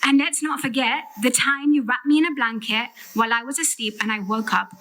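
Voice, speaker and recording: A woman speaks at a farewell in a fairly high voice. Her eulogy is heartfelt and deliberately phrased, with emphasis placed on key words. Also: sharp tone, low-quality recording. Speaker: sister giving a farewell eulogy. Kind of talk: prepared eulogy speech.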